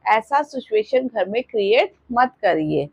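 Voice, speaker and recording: A woman's voice: on the high side, expressive, unhurried, gravelly, breathy edge, no room sound, muffled recording. A woman preschool teacher with an Indian English accent, giving earnest advice to parents and often asking "right?" to check they follow. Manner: sing-song greetings, then earnest advice with tag questions. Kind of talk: warm advice to parents and kids.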